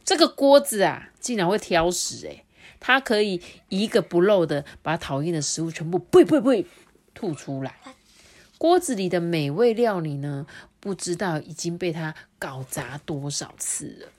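A woman reading a picture book aloud to her child, lively and playful, stopping to ask questions. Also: fairly low pitch, moderate pace.

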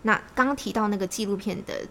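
Woman podcast co-host, gravelly tone, chatty storyteller, faint hiss behind. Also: medium pitch, a bit bright. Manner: chatty storyteller, quick repeated agreement. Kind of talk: casual podcast chat.

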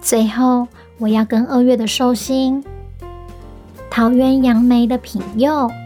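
A woman with a Taiwanese accent speaks in a high voice, as if reading to a toddler. She talks straight to little listeners as a children's storytelling host. Music plays behind her. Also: level tone, takes it slowly, dark tone.

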